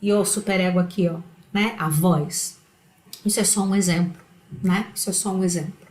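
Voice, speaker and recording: Woman vlogger chatting about the mind, acts out a nagging inner voice, mid pitch, echoey room. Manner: animated, acts out a harsh inner voice in quotes. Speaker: channel host. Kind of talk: casual vlog talk about psychology.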